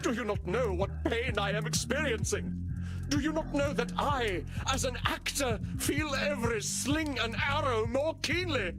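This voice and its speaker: A hammy old-school theatre vampire, super grandiose and wounded, high voice, music behind. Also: male voice, unhurried. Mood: wounded, melodramatic. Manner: hammy stage actor, grandiose declaiming. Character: vain, wounded undead male vampire thespian, melodramatic. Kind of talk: theatrical video game character acting.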